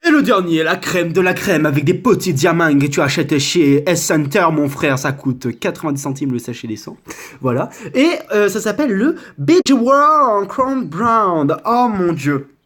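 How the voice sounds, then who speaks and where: A man's voice: fairly high pitch, normal speed. Brief: male comic vlogger, crude rant, voice jumping all over. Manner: crude, animated, stammering rant. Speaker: comedy vlogger.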